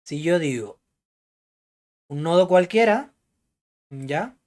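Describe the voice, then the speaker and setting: A man's voice: fairly high pitch, expressive, slow pace, darkish tone. A man lecturing a programming class. He moves through the material step by step, checking again and again that the students follow. He hedges when unsure and tosses questions back to the room. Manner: keeps checking understanding with "¿ya?" and "¿entiendes?"; thinks aloud, hedging what he recalls.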